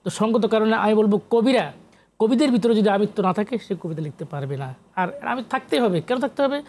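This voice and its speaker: In an interview, a guest poet and researcher from Comilla, Bangladesh, talks a little fast with a high voice, lively intonation and a slightly mellow quality. He repeats himself for emphasis, poses rhetorical questions and mixes in English, with slight background noise present.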